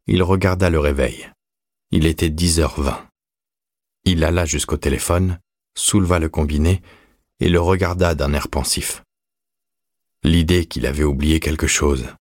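A man reading an audiobook in measured, even scripted narration. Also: very deep voice, no echo, clean studio sound.

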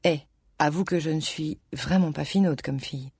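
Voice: mid-range voice, normal speed, a little mellow, slightly rough, no echo. A reader voicing a wistful woman in her thirties in love with a married man, in a rueful, self-mocking, confiding audiobook reading.

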